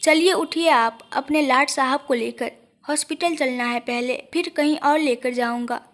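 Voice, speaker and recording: A woman voicing a calm but firm young husband in an audio story, speaking patiently and gently sternly. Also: high voice, moderate pace, close to an everyday voice. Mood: firm, caring.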